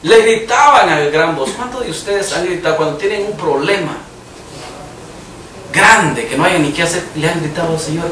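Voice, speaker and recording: This preacher's voice is fairly high and bright, animated and at normal speed, as he delivers an emphatic sermon in a church hall. He now and then lifts his voice for quoted cries, heard through a distant mic in an echoey room with a little hiss or hum.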